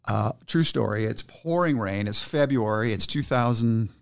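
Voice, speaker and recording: A man's voice: medium pitch, normal speed, gravelly, clear, resonant tone, dry recording, studio quality. A man telling a story in casual conversation, animatedly acting out the people he quotes. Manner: animated, acts out quoted voices. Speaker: guest entrepreneur.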